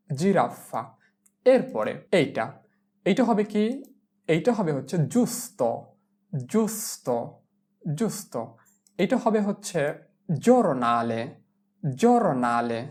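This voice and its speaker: A man teaching a language lesson, spelling each word letter by letter and repeating it slowly. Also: high voice, a little mellow. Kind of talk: classroom lesson explaining pronunciation.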